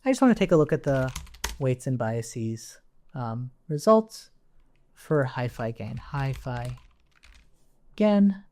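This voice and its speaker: With a sing-song, darkish mid-range voice, a man speaks slowly and pauses often while leading an informal coding tutorial. He demonstrates on screen, thinks aloud conversationally, and keeps checking in with the listener.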